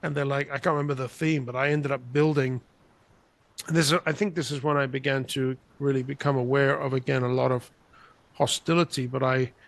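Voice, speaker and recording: An older man from England who grew up in Spain, telling animated, rambling stories as an interview guest over a video call. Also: medium pitch, a little fast. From England, raised in Spain. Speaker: guest artist. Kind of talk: conversational interview storytelling. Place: home room, indoors. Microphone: large podcast mic on a video call, headphones.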